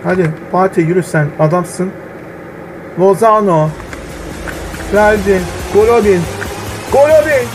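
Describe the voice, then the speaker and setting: High-voiced man yelling over game music. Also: unhurried, long pauses. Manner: swings between groaning and shouting at players. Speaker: gaming channel host. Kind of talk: excited gameplay commentary. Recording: game music loud behind voice.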